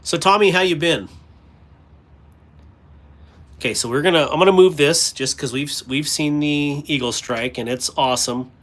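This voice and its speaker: A man's voice: a little high, moderate pace, long pauses, a bit bright. Rambling man chatting on a livestream. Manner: rambling, talks to chat while sorting items. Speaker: livestream host. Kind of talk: casual live-stream chat. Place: indoors at a cluttered workspace.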